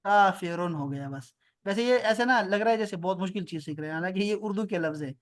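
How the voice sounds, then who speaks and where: A male Arabic teacher with a Pakistani Urdu accent, giving an online class over a video call from home. He patiently repeats terms slowly and quizzes students by name. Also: high voice. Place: home near an airport.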